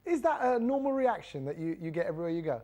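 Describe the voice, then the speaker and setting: A man's voice: a little high, sing-song, quick pace, a little mellow. A man interviewing a guest for television, asking questions in a friendly, enthusiastic way.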